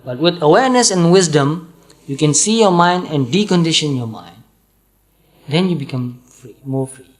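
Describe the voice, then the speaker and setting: A man from Burma with a Burmese accent, giving a calm, patient dharma talk and repeating points slowly. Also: on the high side. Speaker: Buddhist monk teacher.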